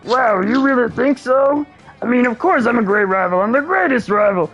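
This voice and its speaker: A boastful plant monster bent on having rivals, as a man reads it aloud. The voice sits high with a gravelly edge and a grand, theatrical delivery. Soft music plays behind. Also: expressive, normal speed, dull audio, exaggerated voice. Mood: grandiose. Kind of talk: reading a dating game aloud.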